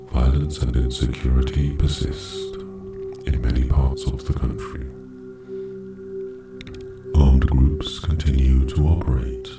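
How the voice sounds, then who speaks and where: Male narrator, very low and gravelly, unhurried and measured, recorded echoey and far off over music. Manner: measured, even reading with long pauses. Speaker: meditation narrator. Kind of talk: slow scripted narration. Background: music, singing bowl.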